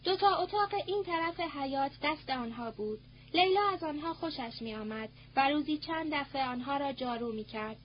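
Narrator: woman, high voice, measured audiobook reading, muffled tape with faint hum. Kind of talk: scripted narration.

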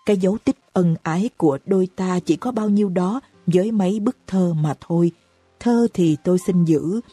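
A woman reading out a lovesick young man's letter in an audiobook, slow and mournful. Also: lowish voice, dark tone, slightly rough, no room sound. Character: lovesick young man pouring out a farewell letter.

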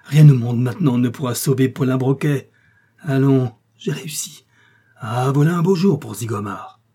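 Dying villain, feverish and gloating, shouting his triumph, read by a man; husky, storybook audiobook. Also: mid-range voice, moderate pace, lightly acted. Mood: triumphant. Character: dying, vengeful male criminal, gloating and feverish.

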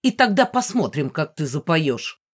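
A woman's voice: deep voice, big pitch swings, normal speed, husky, heavily acted. A woman reading an audiobook, voicing a middle-aged mother who mocks with venomous, teasing sarcasm. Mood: sarcastic. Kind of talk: audiobook character voice.

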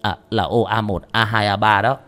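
A man's voice: lowish voice, steady tone, normal speed, fairly bright tone, faint music behind, natural voice. A man voicing a polite, deferential male police officer in an audiobook.

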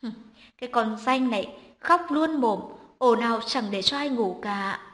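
A woman's voice: a little high, unhurried, a bit bright. A woman narrator voicing a harsh, scheming old mother-in-law who talks with scorn and wails in self-pity, in an audio story. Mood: scornful.

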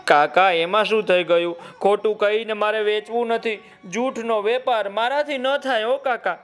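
A man's voice: sits high, lively intonation, unhurried, fairly bright tone, soft background music. A man voicing an honest young boy who runs a shop, speaking earnestly and firmly, in a children's story. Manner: earnest, firm, innocent.

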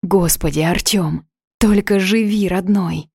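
A woman's voice: mid-range voice, takes it slowly, gravelly, darkish tone, husky, no room sound, clean studio sound, full character voice. A woman voicing a terrified young heroine in an audiobook, pleading through tears. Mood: desperate. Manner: pleading, tearful.

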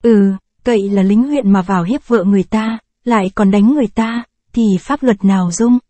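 A woman's voice: mid-range voice, normal speed, warm tone, no echo, natural voice. A woman reading the lines of indignant neighbors urging a lawsuit in a storybook tale.

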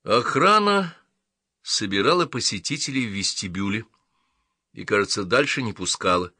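A man narrating an audiobook in an even, measured reading. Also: fairly low pitch, husky, no room sound, studio quality.

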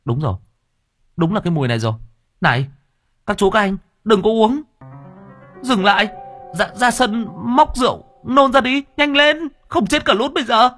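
A man voicing a panicked young village man who shouts urgent warnings. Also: high voice, very animated, moderate pace, hardly any pauses, breathy edge, soft background music, voice pushed up, heavily acted. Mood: alarmed.

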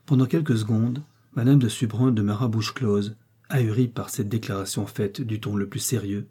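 A man narrating a novel as an audiobook in a steady, measured way. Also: lowish voice, slightly rough.

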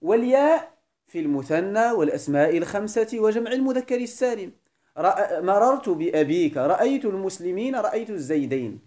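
A man with a Moroccan Arabic accent, teaching a grammar class as a sheikh. He asks his students questions and repeats each definition slowly. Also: sits high, animated, warm tone. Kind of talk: classroom lecture.

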